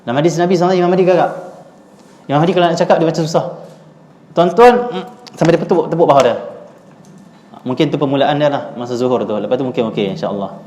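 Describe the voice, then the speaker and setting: Fast-talking preacher in echoey mosque. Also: male voice, fairly high pitch, a little hiss or hum. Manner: animated storytelling, acts out quoted voices. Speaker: religious teacher. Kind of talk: mosque lecture. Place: mosque hall. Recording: echoey, muffled mosque recording.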